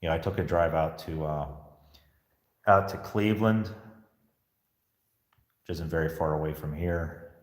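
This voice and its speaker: Deep-voiced American man in an echoing stairwell. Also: slow, long pauses. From Pittsburgh area, United States. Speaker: paranormal investigator livestreamer. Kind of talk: casual live stream chat. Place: indoor stairwell of an old seminary building. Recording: echoing stairwell, long reverb.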